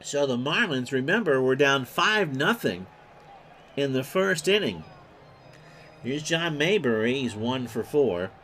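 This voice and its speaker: A man's voice: medium pitch, big pitch swings, unhurried, a bit bright, soft background music. A man doing play-by-play commentary of a replayed baseball game, reeling off stats in clipped lists and erupting on big plays. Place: home streaming setup.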